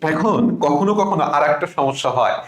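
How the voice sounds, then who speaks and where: A man with a Bangladeshi accent teaching a spelling lesson for exam prep, slowly drawing out each word letter by letter. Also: fairly high pitch, lively intonation. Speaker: English teacher. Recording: echoey room.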